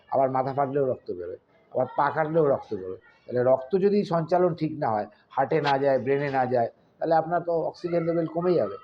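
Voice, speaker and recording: A man talking earnestly to his viewers as an astrologer, explaining at length with fillers and restarts. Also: fairly high pitch. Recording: slightly dull, faintly noisy.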